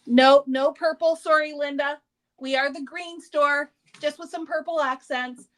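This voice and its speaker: A woman with a high, bright-sounding voice hosts a craft shop's live show. She chats in a casual, upbeat way and teases a little as she talks through products and store dates. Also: fairly even intonation, a little slow. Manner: chatty, upbeat, teasing. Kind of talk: casual livestream product chat.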